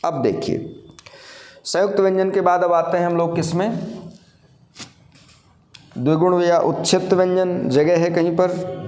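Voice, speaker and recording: A male teacher giving a classroom lecture, explaining step by step, asking questions and answering them himself, and sounding out syllables slowly. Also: sits high, fairly even intonation, darkish tone. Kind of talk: classroom lecture for exam students. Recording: echoey room.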